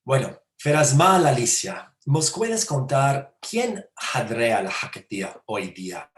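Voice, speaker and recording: A man hosting an interview, gently asking his guest questions, heard in an echoey room. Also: medium pitch, sing-song, takes it slowly. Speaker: host.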